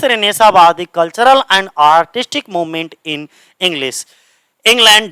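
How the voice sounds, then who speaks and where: Male teacher, high clear voice, dry close sound, quizzes and repeats answers. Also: pushed and bright, dry recording. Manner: explains in Hindi, mixes English terms, repeats answers back as questions; reads English lines out slowly and haltingly. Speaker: English literature exam coaching teacher. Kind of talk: lecture going through exam questions. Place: coaching classroom.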